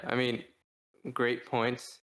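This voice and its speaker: Thinking aloud as he goes, a man co-hosting a podcast discusses a book review haltingly and casually, rambling along. He speaks at a medium pitch in a monotone.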